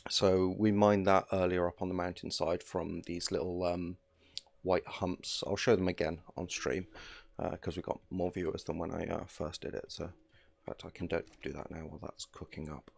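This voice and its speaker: Male streamer, 30s, deep with vocal fry; loose, filler-heavy, relaxed chat at a home desk mic. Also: moderate pace. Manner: rambling, filler-heavy, easygoing. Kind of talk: casual gameplay commentary.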